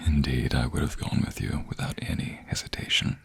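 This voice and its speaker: In a romantic audio roleplay, a man voices a devoted, protective vampire boyfriend, speaking ornate, old-fashioned lines into a close binaural mic. His low, husky, breathy voice often sinks to a whisper as he addresses the listener intimately. The delivery is earnest and devoted, a little fast, with fairly even intonation.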